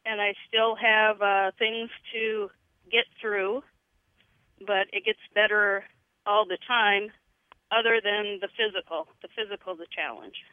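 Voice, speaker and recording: A caller on a radio show, speaking in a halting, hesitant way. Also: male voice, high-pitched, steady tone, no echo. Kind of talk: phone call to a radio show. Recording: tinny phone line.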